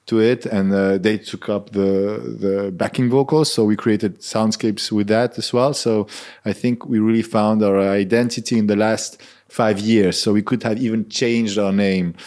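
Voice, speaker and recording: With a steady tone, moderate pace and a low, slightly mellow voice, a man in his thirties from Switzerland chats casually in an interview about his band. He's earnest, searches for words, and restarts sentences often.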